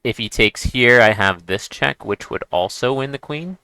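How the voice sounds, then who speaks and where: Bright, crisp-voiced man thinking aloud over chess. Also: mid-range voice, moderate pace, no room sound. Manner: thinks aloud, restarts sentences, occasional excited outbursts. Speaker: chess streamer. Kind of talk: casual chess commentary.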